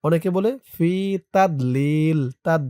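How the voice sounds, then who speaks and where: A man teaching Quran reading, spelling out letters and vowel marks slowly and repeating each word in a drawn-out chant. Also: no echo, clean studio sound. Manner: explains calmly to the viewer in a lower, quicker voice.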